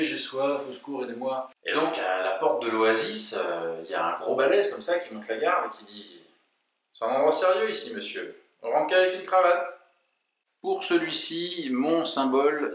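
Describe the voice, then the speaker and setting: A man coaching memory techniques, telling jokes in an animated, self-mocking way. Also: lowish voice. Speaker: memory coach, video host. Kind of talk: memory lesson with told jokes. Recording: very echoey room, mic far off.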